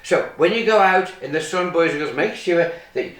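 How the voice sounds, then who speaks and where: A man's voice: fairly high pitch, expressive, normal speed, fairly bright tone. A man performing as a kids party magician and children's host, telling stories in simple, repeated phrases with exaggerated mock surprise and pantomime questions. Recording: roomy echo, distant microphone.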